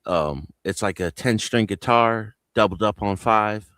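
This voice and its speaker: A man's voice: on the low side, measured pace, a bit bright, dry recording. A man chatting on a live panel stream, telling loose, profane stories in a casual way. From New Jersey. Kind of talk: casual livestream panel chat. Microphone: home mic on a video call.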